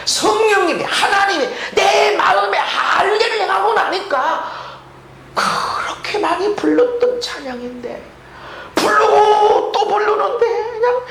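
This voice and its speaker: A woman pastor preaching a sermon, telling a personal story with emotional shouts and laughter. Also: high-pitched, a little hiss or hum. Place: church sanctuary. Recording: roomy church echo.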